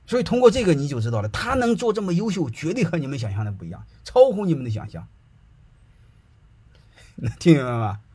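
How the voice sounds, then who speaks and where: A middle-aged man tells anecdotes to an audience in a chatty, colloquial style, often checking whether listeners follow. His voice is a little high, mellow and husky, with a brisk, sing-song delivery broken by long pauses.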